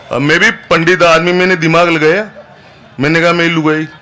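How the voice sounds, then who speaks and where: High bright-voiced comic poet. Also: male voice, fairly even intonation, a little slow, a little hiss or hum. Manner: chatty, keeps asking the crowd "haan?". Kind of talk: live stand-up poetry recital. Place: outdoor festival stage.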